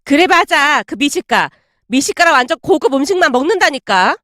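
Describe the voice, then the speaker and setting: A woman puts on a spoiled young bully with a high, swooping voice, condescending and bossy as she taunts. The voice sits close and dry, with no room around it. She talks down to everyone in this audio story. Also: very animated, brisk, bright, forceful tone, no echo, exaggerated voice. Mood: boastful.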